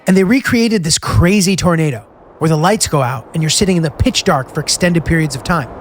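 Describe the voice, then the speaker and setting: A man's voice: on the high side, fairly quick. A man hosting a travel series, telling his road trip in scripted narration with wry, self-deprecating humor.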